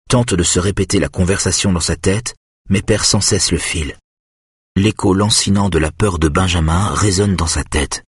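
Deep, husky male audiobook narrator. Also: dry recording, clean studio sound. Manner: measured, steady present-tense reading. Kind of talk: scripted thriller narration.

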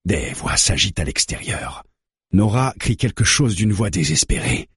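Deep, husky male audiobook narrator. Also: very animated, no echo, studio quality. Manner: measured, dramatic reading. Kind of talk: scripted narration of a thriller.

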